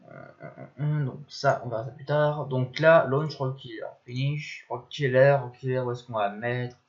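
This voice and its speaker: A young man narrates his screen as he works, rambling and thinking aloud and grumbling at the programs under his breath. His voice sits at an ordinary middle pitch. The lo-fi mic gives it a dull, muffled sound, with mouse clicks behind. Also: steady tone, normal speed. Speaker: tutorial maker. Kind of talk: casual screen-recorded tutorial.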